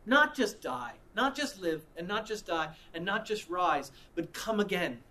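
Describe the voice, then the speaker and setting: A man's voice: sits high, animated, measured pace, sharp tone, slight background noise. A man preaching a sermon, telling a personal story in a conversational way and often repeating and restarting his words. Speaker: pastor.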